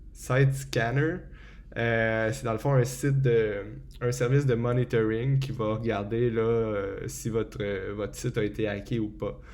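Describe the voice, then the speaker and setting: A man walks through a software setup step by step in a relaxed tutorial, often pausing with hesitations. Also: medium pitch, slight background noise. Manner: relaxed and explanatory, frequent hesitations. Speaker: tutorial presenter. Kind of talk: screen-recorded software tutorial.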